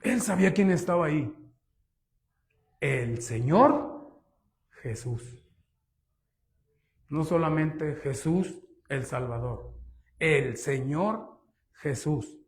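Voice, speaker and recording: High-voiced emphatic preacher man. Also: expressive, very slow, vocal fry, long pauses. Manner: emphatic, rhetorical questions, often says "hermanos". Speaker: pastor. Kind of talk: sermon.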